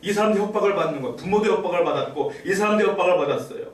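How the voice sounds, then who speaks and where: Male pastor, high voice, rapid-fire delivery, preaching with rhetorical questions; echoey church hall, mic at a distance. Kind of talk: sermon. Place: church sanctuary. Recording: echoey church room, voice from far off.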